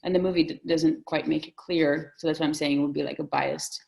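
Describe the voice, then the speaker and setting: A woman's voice: deep voice, fairly even intonation, brisk, creaky, a little mellow, rough recording. A woman from the Soviet Union in a casual film discussion, talking thoughtfully and hedging her opinions. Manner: thoughtful, hedging, restarts often. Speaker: discussion guest.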